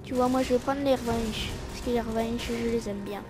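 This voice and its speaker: A woman's voice: a little high, fairly even intonation, brisk, over loud music. A woman giving casual gameplay commentary, playfully taunting and trash-talking her opponents. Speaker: gamer. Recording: loud gunfire from the game under the voice. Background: game gunfire and ambience.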